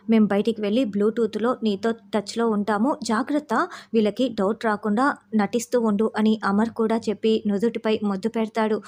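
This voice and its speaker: A woman with a fairly high voice retells a serial episode in steady recap narration. She reads every character's dialogue in her own voice and does not act the parts.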